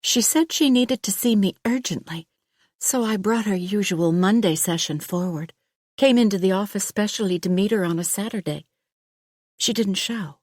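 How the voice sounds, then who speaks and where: A woman's voice: medium pitch, moderate pace, darkish tone, dry recording, studio quality, voice pushed up, natural voice. Woman reading a worried polite doctor. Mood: concerned. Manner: polite and concerned.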